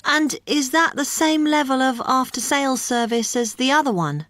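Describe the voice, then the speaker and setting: A woman's voice: high voice, normal speed, a bit bright, no echo, clean studio sound. A woman playing an interested but price-wary shop customer in a scripted listening exercise. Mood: interested, hesitant. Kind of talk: scripted listening-test role-play.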